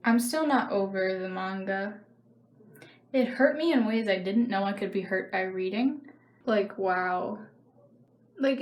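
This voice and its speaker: A young woman vlogging casually while doing her makeup, rambling with quick self-mocking asides. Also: medium pitch. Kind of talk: rambling makeup vlog chat. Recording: echoey room with faint noise.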